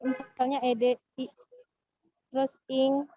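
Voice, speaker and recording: Woman student, high flat voice, polite and halting, muffled call audio. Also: no room sound.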